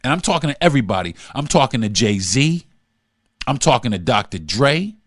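A man's voice: mid-range voice, sing-song, moderate pace, dry recording, clean studio sound. A man hosting his own podcast, delivering a fiery, profane, pleading monologue. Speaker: podcast host.

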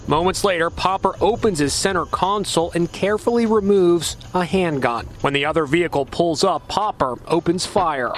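A man narrating a news report in a measured, serious way, his voice sitting a little high for a man. Noise hums clearly behind him. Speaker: news correspondent.

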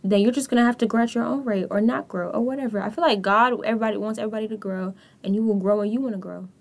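A woman's voice: a little high, fairly even intonation, very fast, gravelly. A woman co-hosting a podcast, talking bluntly and casually with slang like "sis" and "girl". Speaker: podcast co-host. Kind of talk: casual chat.

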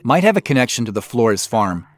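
Giving scripted commentary from behind the scenes, this show creator explains things in a measured manner. His medium-pitched voice is very animated, and the recording has no echo.

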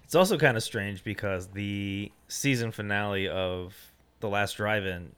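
A man with a low voice and a sharp, bright edge, co-hosting a casual film podcast. He talks haltingly, filling gaps with filler words while he works out what he thinks. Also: clear, resonant tone. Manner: hesitant, many fillers, restarts thoughts. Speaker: podcast co-host.

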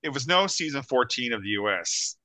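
A man's voice: medium pitch, lively intonation, moderate pace, pushed and bright, dry recording. A man from Canada, a podcast guest, talking earnestly in casual chat. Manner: earnest, many fillers and restarts.

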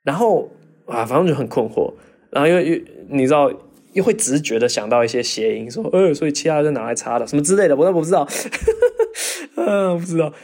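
A man hosting a casual podcast, reading listener questions and answering with animated, mock-exasperated rants and jokey asides. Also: on the high side, fast talker. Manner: mimics accents in bursts of English. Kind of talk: casual chat.

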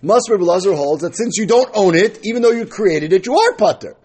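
A man with teaches a religious text aloud. His voice sits high and swings widely in pitch, with a husky edge. He reads a phrase, explains it, then argues it through by posing questions and answering them. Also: very animated, a little fast, darkish tone. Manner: argumentative, asking questions and answering them himself. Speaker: Talmud teacher.

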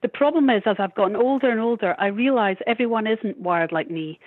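A musician in her fifties is the guest in a candid interview, speaking briskly in a fairly high voice with passionate, outspoken emphasis. The recording is dry and has a tinny, phone-line sound.

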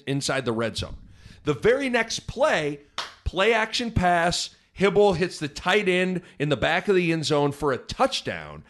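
A man hosting a sports podcast, conversationally retelling a game play by play with excitement. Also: fairly high pitch. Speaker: podcast host.

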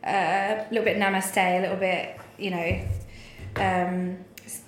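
A thirty-something woman, interviewed as a guest, recounts personal stories in a frank, informal way with frequent swearing. Her mid-range voice keeps a steady tone and measured pace, and the room sounds echoey with a faint background hum.

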